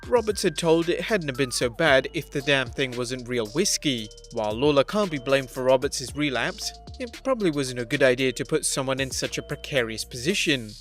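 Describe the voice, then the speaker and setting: Male countdown narrator, mid-pitched, even and dry, reading over soft background music. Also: moderate pace, few pauses. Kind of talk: scripted narration. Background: faint background music.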